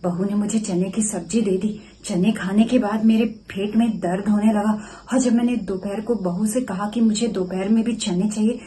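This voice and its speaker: A woman's voice: medium pitch, steady tone, normal speed, dark tone, a little hiss or hum, lightly acted, poor audio. A woman acting a stubborn, hot-tempered older mother-in-law in a short family skit, rambling through her complaints and stammering when she feels guilty. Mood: complaining.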